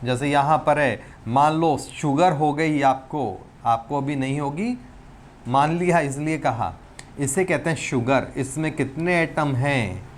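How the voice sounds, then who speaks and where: A man's voice: fairly high pitch, a little hiss or hum. A man teaching a recorded chemistry lesson, reading out element lists and quizzing students with questions he answers himself. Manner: reads lists of elements slowly, one by one.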